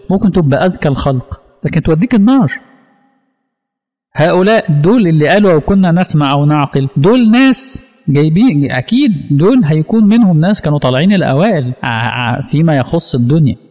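A man's voice: fairly high pitch, warm tone. A man with an Egyptian accent giving a religious lesson, asking his audience rhetorical questions as he goes. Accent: Egyptian Arabic. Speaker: religious teacher. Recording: long hall reverb.

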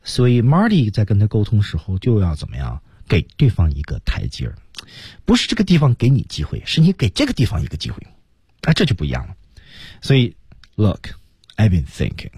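Raspy low-voiced man explaining English. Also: wildly swooping pitch, fairly quick, a little mellow, no room sound, studio quality. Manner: explanatory, emphatic swings between high and low. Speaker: English teacher on a radio lesson. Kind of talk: radio language lesson explanation.

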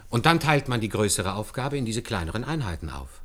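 Fairly quick and very animated, this lowish male voice belongs to an actor in a German radio play. He plays a deferential, earnest calculator calmly and confidently explaining hand arithmetic to his superiors one step at a time.

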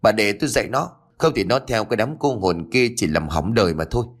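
A man playing a gruff old stepfather who bellows his scolding. The voice is low and swings widely in pitch. He sounds stern and worn down, in a storybook telling. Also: lively intonation, fast. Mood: bitter.

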